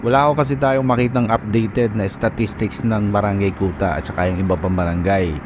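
A man's voice: fairly low pitch, steady tone, fairly quick. Man, road trip narration, polite informative, street noise behind. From Philippines. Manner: polite, informative, reads statistics. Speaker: vlogger.

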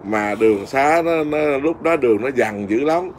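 A man's voice: medium pitch, lively intonation, normal speed, slight background noise. A middle-aged man, a Buddhist monk with a Southern Vietnamese accent, telling a story in casual conversation with a lot of fillers and restarts. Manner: rambling, with many fillers and restarts.

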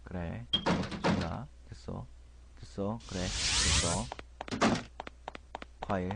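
Excitable low-voiced man yelling at a game. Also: takes it slowly, creaky, very noisy. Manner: excitable, yells and grumbles at the game, chats with viewers. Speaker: game streamer. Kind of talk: comic horror game let's play commentary. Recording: game music loud behind voice. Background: game music.

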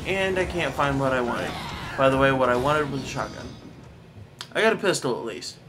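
A man's voice: medium pitch, animated, moderate pace, background noise. A man giving casual, sarcastic commentary while playing a video game, complaining about it as he goes. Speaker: let's play gamer.

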